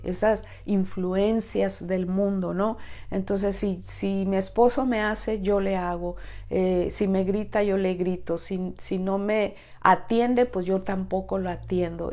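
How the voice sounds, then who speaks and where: A woman's voice: medium pitch, darkish tone. A middle-aged woman giving informal Bible teaching to women, conversational, with many fillers and tag questions.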